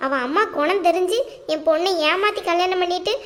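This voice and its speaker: A grieving, resentful aunt from a cartoon family drama, voiced by a woman. Her voice sits very high and thin, and she drags out her bitter complaints. She talks like someone nursing an old grudge. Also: a little fast, a bit bright. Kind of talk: cartoon voice acting.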